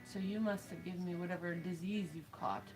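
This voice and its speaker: A woman in her thirties, co-hosting a stream and reading chat, talks casually in a dry, teasing way with a snuffly nose. Her voice is on the low side, fairly even in intonation, and brisk, with faint background music.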